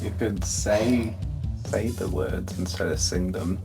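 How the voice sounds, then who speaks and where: A man in a recording studio coaching a singer, demonstrating lines in a flat spoken delivery. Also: fairly low pitch, takes it slowly, faint music behind. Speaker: music producer.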